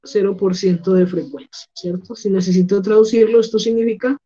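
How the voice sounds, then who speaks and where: A woman teaching English online in Spanish, explaining slowly and repeating words for pronunciation, with a Colombian accent. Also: medium pitch, steady tone, warm tone, breathy edge, muffled recording. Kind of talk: online class lesson.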